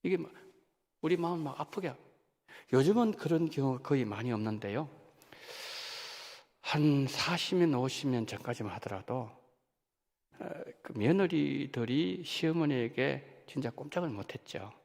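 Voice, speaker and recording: A man, a senior pastor, preaching a sermon in a church, talking in an animated way that rises and drops sharply for emphasis. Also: medium pitch, moderate pace, creaky, pauses often. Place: church sanctuary. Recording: long hall reverb of a church.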